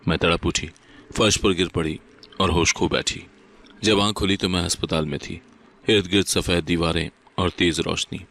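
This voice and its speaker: A man reading a sad first-person moral story as scripted narration, steady and solemn. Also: sits low, creaky.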